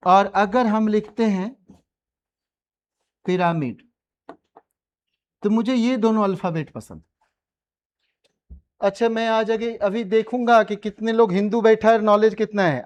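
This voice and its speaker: A man teaching a maths class, teasing and coaxing his students to answer, slipping English phrases into his talk. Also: high-pitched. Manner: mixes English phrases into speech. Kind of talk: classroom lecture.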